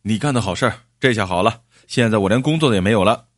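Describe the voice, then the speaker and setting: A hot-headed office worker who gets indignant and demanding, pushing his voice louder and faster, as a storyteller puts him on. His low voice stays dry and close. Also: animated, no room sound. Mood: angry. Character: angry middle-aged office worker, short-tempered.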